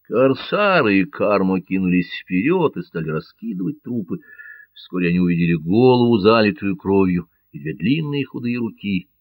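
A man reading an adventure audiobook in a measured, dramatic way. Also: low voice, no room sound, lo-fi sound. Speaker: narrator. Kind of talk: audiobook narration.

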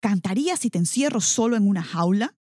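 A woman's voice: medium pitch, expressive, brisk, dark tone, dry recording, studio quality, close to an everyday voice. A woman voicing a grumpy, bossy male village mayor in a storybook, scolding and blustering. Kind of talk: storybook character voice.

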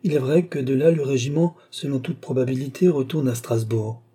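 A man reading as a gentle young officer brother. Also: mid-range voice, fairly quick, slightly rough, lightly acted. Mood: concerned. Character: young male army officer, concerned brother.

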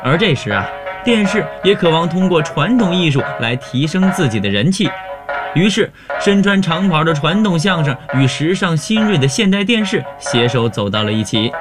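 A man hosting a program, giving scripted narration with a measured storytelling delivery. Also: a little high, very animated, over music. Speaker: radio program host.

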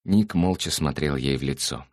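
A man narrating an audiobook in an even, measured manner. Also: very deep voice, dry recording, studio quality. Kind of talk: scripted narration.

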